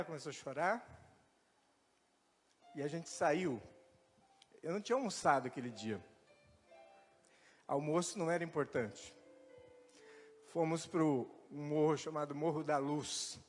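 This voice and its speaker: A man's voice: a little high, a little slow, pauses often. A man with a Brazilian accent preaching a sermon, telling a personal story and acting out the dialogue. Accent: Brazilian Portuguese. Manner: animated storytelling, acts out dialogue. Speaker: pastor. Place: church. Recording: church hall reverb with faint music.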